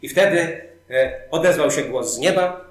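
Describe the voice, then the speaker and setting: A man's voice: on the high side, normal speed. A male preacher giving a sermon, telling stories animatedly and building up emphasis. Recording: very echoey hall.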